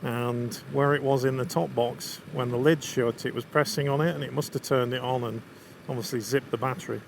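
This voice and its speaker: Clear outdoor vehicle noise, man, Lancashire accent, mid-pitched, casual riding vlog, chatty, enthusiastic. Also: steady tone, brisk. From England. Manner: chatty, enthusiastic about scenery and bike. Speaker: motorcycle travel vlogger. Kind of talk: casual riding commentary to viewers. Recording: constant road, wind and vehicle noise.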